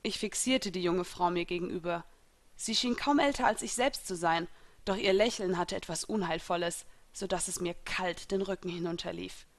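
A woman narrating a first-person fan-fiction audiobook, calm in the telling and loud at the spells. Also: on the low side, normal speed. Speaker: audiobook reader.

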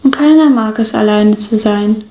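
Woman doing a cheery teasing young guy, easygoing and coaxing, soft mellow voice, echoey room. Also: fairly high pitch, normal speed, close to an everyday voice.

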